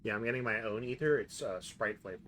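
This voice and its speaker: A man's voice: fairly low pitch, fast, fairly bright tone, slight background noise. A man doing casual, joking live-stream commentary as he plays, playfully reacting to the game. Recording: faint game music behind.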